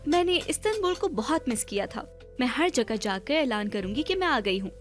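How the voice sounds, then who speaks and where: A woman's voice: high-pitched, big pitch swings, normal speed, soft background music. A woman dubbing a spirited, playful young daughter in a Hindi-dubbed TV drama. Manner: playful, teasing.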